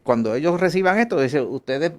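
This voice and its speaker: Halting Puerto Rican lawyer-pastor man. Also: on the high side, lively intonation. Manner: halting, many restarts, explanatory. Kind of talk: radio interview talk.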